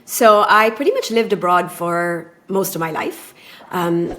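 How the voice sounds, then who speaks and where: A woman in her thirties, raised abroad, speaking as a podcast guest and relationship coach in a thoughtful, measured way. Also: lowish voice. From born in Taiwan, raised in Japan. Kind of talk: conversational podcast interview.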